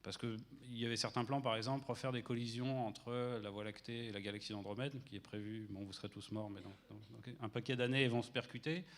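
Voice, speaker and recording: Gravelly-voiced man giving a colloquial talk. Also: medium pitch, steady tone, fast, hardly any pauses. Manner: colloquial, anecdotal, wry. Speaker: visual effects professional, conference speaker. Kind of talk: informal conference talk.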